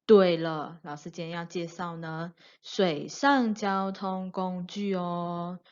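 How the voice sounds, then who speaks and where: A woman's voice: fairly low pitch, steady tone, slow pace, clean tone, highs cut off. A woman teaching a children's class in an exaggerated sing-song manner, as if talking to a toddler. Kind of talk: children's lesson addressed to young kids.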